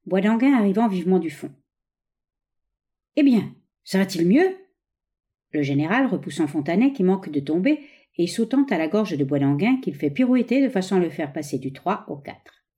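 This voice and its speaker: A woman reading a play aloud, giving the stage directions in a low, even voice. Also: brisk. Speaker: reader of a play.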